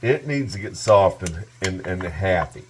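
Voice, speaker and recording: Speaking slowly and expressively in a low voice, a cooking channel host walks viewers through a casual tutorial from his kitchen at home. He's talkative, keeps addressing his audience as "guys," and there's background noise on the recording.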